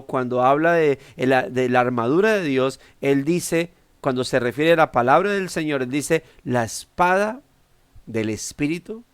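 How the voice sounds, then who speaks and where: A man's voice: clean tone, no echo. A man preaching a devotional sermon in a conversational way. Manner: conversational, acts out quoted people with shifting pitch.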